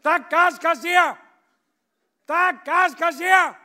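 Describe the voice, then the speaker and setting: A man voicing an enraged gas-bill collector who bellows with strained yelling and an Austrian accent. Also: extremely high pitch, takes it slowly, voice pushed up, heavily acted. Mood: bellowing.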